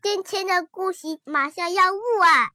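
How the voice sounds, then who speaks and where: A tiny hermit crab mascot chirps in a very high, squeaky voice. Its bright, slow cartoon voice sounds dry and close. It announces things cheerfully, like a children's audio show host. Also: male voice, dry recording, heavily acted.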